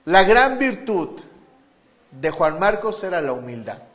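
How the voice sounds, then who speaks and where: A pastor preaching a sermon to his church, emphatic, shifting between loud declarations and hushed appeals. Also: high voice, very animated, a little slow.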